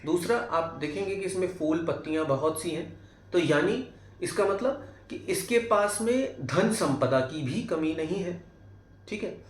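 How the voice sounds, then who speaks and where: A man's voice: sits high, measured pace, slight background noise. A man with a Hindi accent teaching tarot basics, walking through each card and often checking in with tag questions and fillers. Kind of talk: explaining cards one by one. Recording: echoey room.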